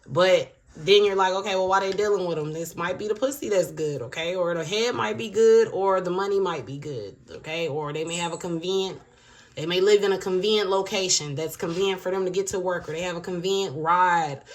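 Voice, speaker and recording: A woman's voice: fairly low pitch, brisk. A woman giving a casual tarot reading to her viewers, blunt and profane, with chatty asides. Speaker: tarot reader.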